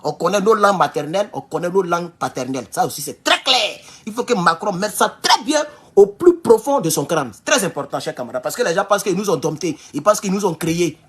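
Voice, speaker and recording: A man from Burkina Faso with a high, husky voice and a Burkinabè French accent presents a political commentary vlog. Speaking quickly with hardly any pauses, he's animated and rousing, swinging widely in pitch and often restarting phrases as he addresses his listeners as comrades.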